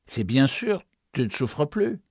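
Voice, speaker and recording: A woman's voice: extremely low pitch, very animated, slow pace, a little mellow, husky, no room sound, studio quality, full character voice. A woman reading a story, putting on the voice of a meek, hesitant husband who tries to placate his wife. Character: meek timid husband, middle-aged man.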